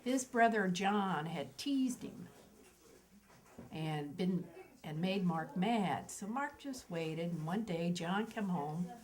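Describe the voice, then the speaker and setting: An older woman tells family anecdotes in a relaxed, chatty way. She laughs often and slips into the children's voices when quoting them. She sounds like a mother recalling her many kids. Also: on the low side, slow pace, poor audio. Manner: lively, laughs often, acts out the kids' quoted voices. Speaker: mother of eleven telling family stories. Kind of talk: casual family storytelling.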